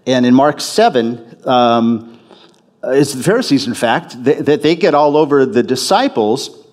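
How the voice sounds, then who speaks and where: A man's voice: medium pitch, expressive, unhurried, a little mellow. Man, pastor, church sermon, casual delivery, restarts and repeats himself. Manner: conversational, self-interrupting, repeats phrases for emphasis.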